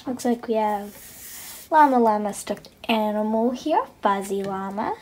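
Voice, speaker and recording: Slow, expressive woman reading aloud. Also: mid-range voice, slight background noise, low-quality recording. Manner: slow, expressive, breaking in with whispered asides and gasps. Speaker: children's book reader. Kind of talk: reading a picture book aloud.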